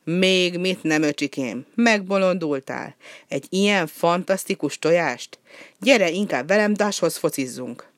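A reader voicing a boastful, mischievous young male penguin who talks loud and teasing. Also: mid-range voice, animated, dry recording, clean studio sound, pitched above the performer's own voice, close to an everyday voice. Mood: cocky, teasing.

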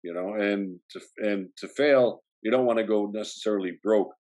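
His voice is fairly low and a little mellow, at a moderate pace. The south-side Chicago actor, strong accent and all, recounts his story as an interview guest, wandering along with frequent restarts and "you know" fillers.

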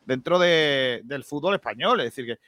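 Bright-voiced man steering a football debate. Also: medium pitch, animated, moderate pace, no echo. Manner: insistent, argues back often. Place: studio in Málaga.

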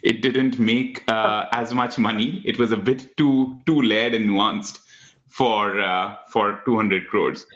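A man with an Indian accent hosting a conversational film discussion in a wry, measured manner. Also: fairly low pitch, steady tone, a bit bright, highs cut off. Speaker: discussion host.

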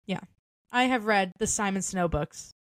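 A woman's voice: medium pitch, normal speed, dry recording. A woman co-hosting a chat podcast in a playful, teasing way, often bursting into disbelief. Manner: playful, teasing, loudly incredulous. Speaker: podcast co-host. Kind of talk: casual chat.

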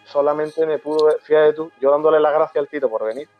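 A man tells an old memory at an unhurried pace, stumbling over and repeating his words. The recording is dull and lo-fi, with faint music underneath. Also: a little high, fairly even intonation, dry recording. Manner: halting, repeats words, moved. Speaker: host of a brotherhood talk show. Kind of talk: emotional storytelling in casual chat.

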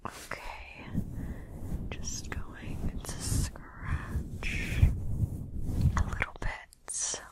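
Whispering woman doing soothing ASMR. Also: low-quality recording. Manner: hushed, slow, gently reassuring with repeated soothing phrases. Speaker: ASMR host. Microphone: fluffy-covered mic close up, sounds from ear to ear. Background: soft mic scratching and brushing.

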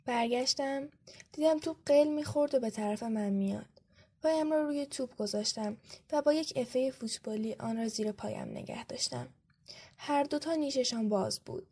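Woman reader, fairly high voice, steady first-person storytelling for a podcast. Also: breathy edge. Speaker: podcast co-host. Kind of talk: reading a story aloud.

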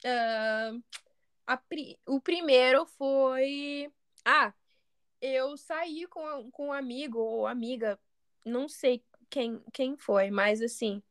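A woman from the United States with an American accent, a native English speaker chatting casually on a podcast, halting and searching for words. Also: sits high, smooth, dry recording, studio quality. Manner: hesitant, searching for words, many restarts. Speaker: co-host.

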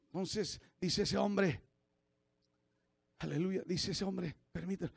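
A man, preaching a sermon as pastor, swinging from shouted preaching to low confiding asides. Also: slow pace, vocal fry, breathy edge, no echo.

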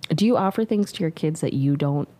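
A woman's voice: low-pitched, expressive, brisk, dark tone. A woman in her thirties, a co-host in casual chat, who acts out quotes in big voices. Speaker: podcast co-host.

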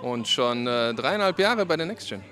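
A man in his thirties, a software developer, giving thoughtful, measured interview answers outdoors. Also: mid-range voice, animated. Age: 30s. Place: outdoors at a summer party.

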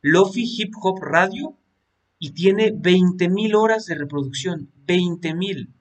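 A young man co-hosting a podcast, excitable and full of exclamations. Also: sits high, slow pace. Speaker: podcast co-host. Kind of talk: casual chat. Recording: distant mic with music behind.

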